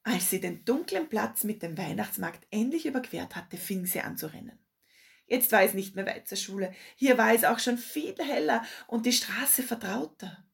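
A woman narrating a children's story in a calm, expressive storybook manner. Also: on the high side, moderate pace, gravelly, breathy edge.

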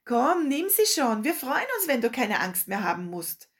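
A woman's voice: a little high, sing-song, moderate pace, pitched above the performer's own voice. Woman doing a kind older market woman. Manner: kind, coaxing. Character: friendly older woman, market stall keeper.

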